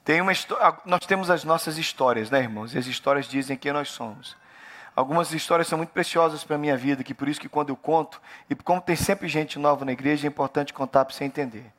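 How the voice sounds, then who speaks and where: High, bright-voiced Brazilian pastor preaching. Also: male voice, fast. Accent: Brazilian Portuguese. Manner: preaching with rising, emphatic repetition; addresses the congregation directly with questions. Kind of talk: sermon. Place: church.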